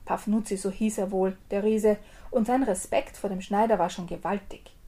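A woman's voice: medium pitch, moderate pace. Woman narrating a fairy tale. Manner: lively storytelling, explaining dialect words. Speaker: storyteller.

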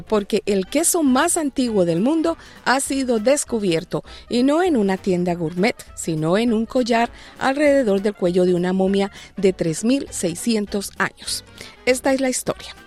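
A woman based in Australia hosts a light news segment, reading scripted stories and tossing in playful, joking asides. Her voice sits fairly high and has a slightly mellow quality.

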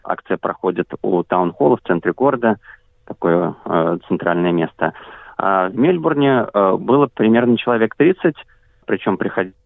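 A man interviewed as an activist coordinator, answering in a measured way with frequent hesitation sounds. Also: low voice, animated, vocal fry, no room sound. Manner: measured, frequent filler sounds, careful listing. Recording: dry tinny phone-like line.

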